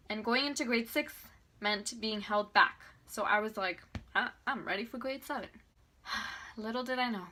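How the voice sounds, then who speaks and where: A woman in her twenties from Venezuela, telling a chatty, animated storytime on her vlog and laughing often. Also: a little high. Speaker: beauty vlogger.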